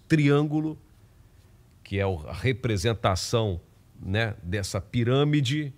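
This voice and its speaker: A man from Rio de Janeiro with a Carioca accent, delivering a fervent, informal preaching monologue full of emphatic repetition and restarts. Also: medium pitch. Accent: Carioca Brazilian Portuguese. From Rio de Janeiro, Brazil. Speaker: evangelical preacher and channel host.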